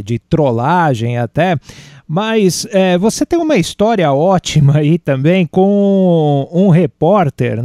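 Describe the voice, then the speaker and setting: A Brazilian man hosting a radio interview, asking informal, unhurried questions. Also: a little high, dark tone, dry recording, clean studio sound. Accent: Brazilian Portuguese. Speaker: radio show host. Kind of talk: casual interview.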